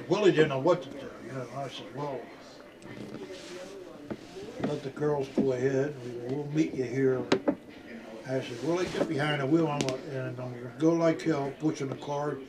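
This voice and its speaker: An older man with a folksy grandpa voice, pitched a little high for a man. He reminisces casually and ramblingly, with salty language, in a room with other voices clearly behind him. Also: rough recording. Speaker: grandfather telling family stories. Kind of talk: casual anecdotal storytelling.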